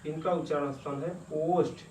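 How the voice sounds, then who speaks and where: A man teaching a grammar lesson, speaking slowly and repeating and drawing out each sound. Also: a little high, steady tone, a little mellow. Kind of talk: slow classroom-style grammar lesson. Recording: echoey room, distant mic, faint noise.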